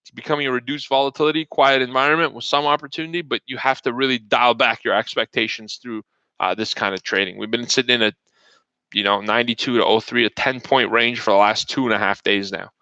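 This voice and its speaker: Bright, joking trading show host, man. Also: medium pitch, fairly even intonation, quick pace, no echo, highs cut off. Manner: joking, chatty, talks to viewers by name. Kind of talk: live market commentary, casual.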